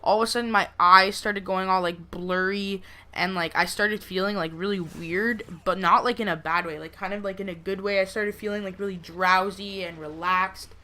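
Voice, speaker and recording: Bright-voiced young woman rambling casually. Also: mid-range voice, fairly even intonation, normal speed, slight background noise. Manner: rambling, frequent "like" and "you know". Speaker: gameplay video creator. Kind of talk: casual storytelling over gameplay.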